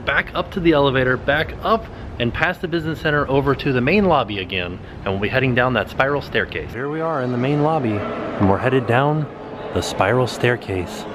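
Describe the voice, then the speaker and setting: A man's voice: medium pitch, expressive, brisk, background noise. A man in his thirties casually narrating a walking tour of a hotel, filmed on a handheld camera at arm's length. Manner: casual, upbeat pointing-out of sights. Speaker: vlog host. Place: hotel halls and outdoor pool areas.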